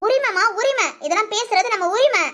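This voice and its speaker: A woman's voice: extremely high pitch, moderate pace, sharp tone. A woman voicing a feisty, argumentative young village wife in a cartoon. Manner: argumentative, giggly, stammering. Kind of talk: cartoon voice acting.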